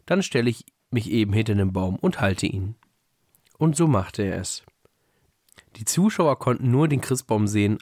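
Low-voiced man reading a story. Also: darkish tone, no echo, studio quality. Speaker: podcast co-host reading a story. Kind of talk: reading a Christmas story aloud.

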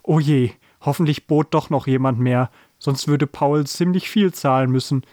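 Man reading a kids' story with expression, dry close sound, mid-pitch voice. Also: moderate pace, no echo. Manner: expressive, amused reader. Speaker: podcast host reading a story. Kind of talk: storybook reading aloud, then casual chat.

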